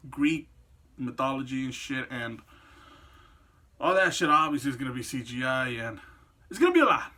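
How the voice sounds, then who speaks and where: A video creator and host in his twenties rambles through casual, opinionated commentary on games and films, swearing freely. His mid-range voice sounds pushed and bright.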